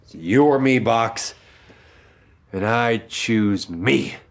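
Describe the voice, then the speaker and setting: A man's voice: mid-range voice, slow pace. An actor playing a goofy, easily tempted young man in a kids' comedy, hamming it up with theatrical sighs. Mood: whiny comic. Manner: theatrical, swooping sighs and hams. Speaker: comic kids' show character. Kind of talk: scripted kids' comedy acting.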